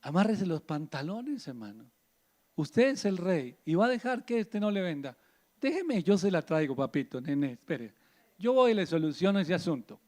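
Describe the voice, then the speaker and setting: A man voicing a scheming, bossy queen who coaxes her sulking husband in a low, hushed tone. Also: sing-song, moderate pace. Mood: coaxing scheming.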